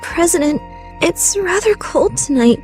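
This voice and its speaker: Here the same haughty, scheming student role comes through a very high-pitched, slightly mellow voice with lively intonation at a measured pace. She stays theatrical, flipping from proud plotting to flustered outbursts, with soft music behind her in the anime-style radio play.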